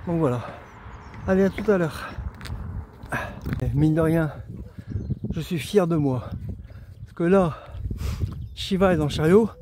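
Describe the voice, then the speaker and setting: A man's voice: on the high side, measured pace, pauses often, background noise. A tired man vlogging as he walks outdoors, chatty and self-mocking, talking to his camera. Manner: chatty, rambling, talks to himself, self-mocking. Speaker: vlogger walking a pilgrimage route. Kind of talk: casual self-filmed walking vlog. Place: outdoors on a road and path. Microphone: handheld camera while walking.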